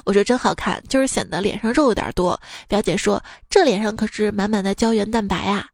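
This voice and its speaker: A woman's voice: mid-range voice, a little fast, no echo, studio quality. A woman radio host reading listener jokes aloud in a playful way, laughing often and acting out the quoted lines. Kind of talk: lively read-aloud of funny stories with music. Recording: light background music.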